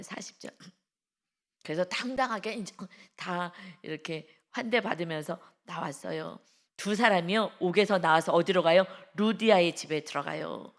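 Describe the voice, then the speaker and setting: A woman pastor preaching an early-morning sermon, emphatic and full of rhetorical questions to the congregation, moving between hushed lines and loud emphasis. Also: medium pitch, gravelly.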